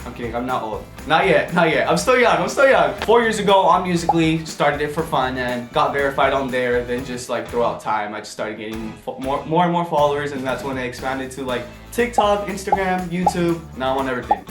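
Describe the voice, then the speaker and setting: Answering questions about himself on camera, a young American influencer in his late teens sounds animated and a bit bright at medium pitch. The room is reverberant, faint music plays behind him, and he stays bubbly, playful and quick to laugh and joke.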